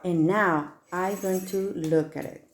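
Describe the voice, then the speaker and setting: A woman's voice: lowish voice, fairly even intonation, takes it slowly, slight background noise. A woman with an upbeat, sing-song children's presenter manner, guiding young kids step by step through a science demonstration. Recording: echoey room.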